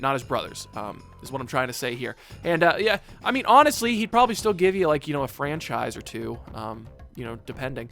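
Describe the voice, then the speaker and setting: A man's voice: a little high, a bit bright. A man giving casual, rambling commentary on a video game as he plays, full of fillers and jokes. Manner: rambling, filler-heavy and joking. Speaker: video game let's player.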